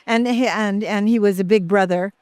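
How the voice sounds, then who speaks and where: Older woman reminiscing, clear and close. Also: mid-range voice, steady tone, a little mellow, no room sound. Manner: halting, many fillers and restarts. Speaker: interview guest, actress. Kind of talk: casual interview reminiscing.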